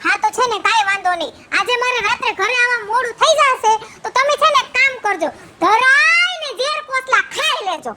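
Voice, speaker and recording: A woman's voice: extremely high pitch, animated, a little fast, few pauses, very noisy. A woman playing a bossy, sarcastic wife who works in an office and nags her husband in a comedy skit. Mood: bickering.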